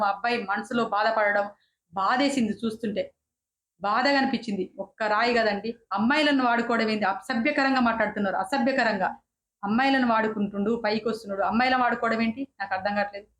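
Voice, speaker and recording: A woman's voice: fairly high pitch, steady tone, quick pace, a bit bright, reverberant. A woman giving an opinionated, indignant review of a reality show, often repeating herself and restarting words. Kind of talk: casual opinionated commentary.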